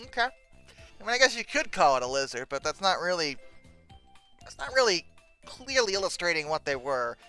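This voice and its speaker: Exasperated and sarcastic, a comedic host reads aloud from an old book and reacts to its text and pictures with incredulous asides. The bright, medium-pitched voice has very lively intonation and a moderate pace with long pauses, recorded close and dry over faint music.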